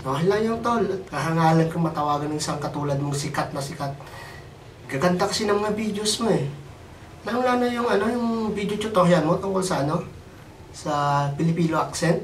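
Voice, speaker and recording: A man's voice: on the high side, expressive, brisk. A young man making a teasing comedy phone call, mocking the other man. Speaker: comedy sketch caller. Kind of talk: comedic phone prank sketch. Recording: echoey room, mic at a distance, faint noise.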